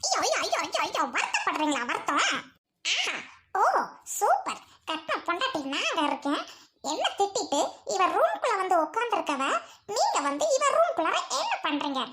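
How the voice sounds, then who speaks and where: A woman's voice: very high voice, wildly swooping pitch, normal speed, pushed and bright, full character voice. A woman playing a jealous, taunting young wife. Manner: mocking, sarcastic, scornful laughs.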